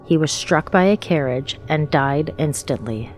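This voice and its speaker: Female narrator for haunted-history storytelling, low register, measured scripted read, music underneath. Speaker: narrator of haunted-place stories. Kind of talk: scripted documentary-style ghost story narration.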